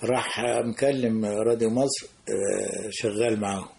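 A man's voice: on the low side, fairly even intonation, creaky, a little mellow. An Egyptian man in his sixties, a veteran news broadcaster, telling stories from his career as a guest in a radio interview. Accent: Egyptian Arabic. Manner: brisk, reminiscing storyteller.

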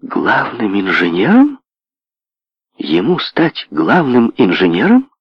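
A willful young heiress, demanding and emphatic, put on by a male reader in an audiobook. The voice leaps about with lively pitch. It sounds dry and dull, a lo-fi recording with no room. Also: takes it slowly, husky, no echo, heavily acted. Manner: demanding, emphatic, swinging to soft. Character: willful rich young woman, heiress, imperious. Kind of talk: audiobook character voice.

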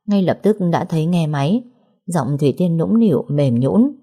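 A woman narrating a romance audiobook in a steady storytelling manner. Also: sits low, moderate pace, husky.

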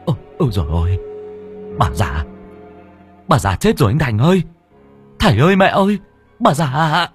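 A man's voice: low-pitched, big pitch swings, normal speed, gravelly, a little mellow, soft background music, full character voice. A man voicing a nervous young servant lad who stammers and panics. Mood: panicked.

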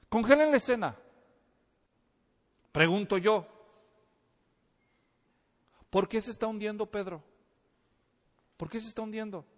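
Animated high-voiced preacher in a hall. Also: male voice. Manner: animated storytelling, acts out voices, asks the audience questions. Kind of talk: sermon. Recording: reverberant hall.

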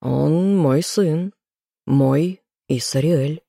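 An audiobook reader voicing a weary, stern king who speaks calmly and condescendingly. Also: a little high, very slow, gravelly, dry recording, studio quality, exaggerated voice. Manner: calm, condescending, firm. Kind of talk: audiobook role reading.

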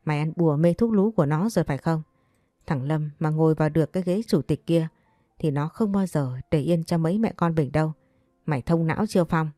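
Woman reader doing a pushy, scolding storybook mother; low, dark, dry, faint music. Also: brisk, dry recording, close to an everyday voice. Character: stern scheming middle-aged mother scolding her son.

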